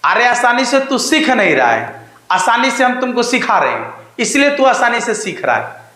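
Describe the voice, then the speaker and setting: A man with a Bihari Hindi accent teaching a math lesson online, coaxing students with drawn-out questions and emphatic promises. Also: very high voice, sing-song, bright, forceful tone, echoey room, rough recording.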